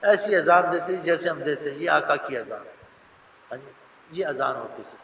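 Guy preaching a sermon, emphatic and earnest, bright forceful voice, a bit far off in an echoey hall. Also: fairly high pitch, a little hiss or hum. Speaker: religious preacher. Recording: roomy hall, heard from a distance.

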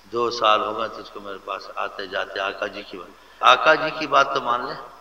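A man preaching a sermon in an earnest way, swinging between loud and hushed delivery, with a gravelly voice. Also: lowish voice. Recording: echoey hall, dull lo-fi sound.

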